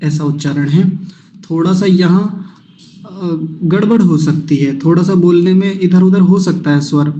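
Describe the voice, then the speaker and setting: A man's voice: high voice, warm tone, highs cut off. A man teaching Sanskrit verse recitation in an online class, breaking words into syllables patiently and having students repeat after him. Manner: patient, slow, syllable-by-syllable pronunciation drills.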